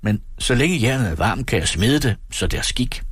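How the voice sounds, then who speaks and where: A man reading an audiobook, voicing a charming, restless young gentleman who talks in a brisk, lightly mocking way. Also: medium pitch, expressive, husky, dry recording, clean studio sound, pitched above the performer's own voice.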